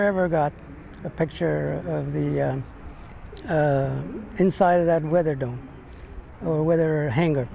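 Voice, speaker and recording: An older American man, a veteran, remembering his service in an interview, speaking haltingly with long hesitations and repeated words. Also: creaky. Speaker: navy ship veteran being interviewed. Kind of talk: reminiscing in an interview. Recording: noisy, with steady background rumble.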